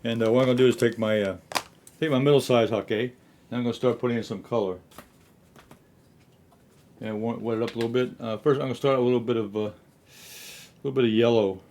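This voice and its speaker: A man giving a casual watercolor painting tutorial in his studio, speaking haltingly and often repeating himself. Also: medium pitch, fairly even intonation, darkish tone, slight background noise.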